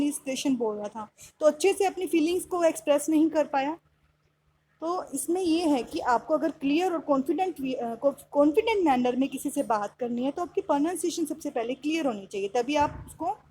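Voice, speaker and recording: A woman teaching an English lesson, explaining in Hindi and reading English sentences slowly, spelling out words letter by letter. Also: high-pitched, darkish tone.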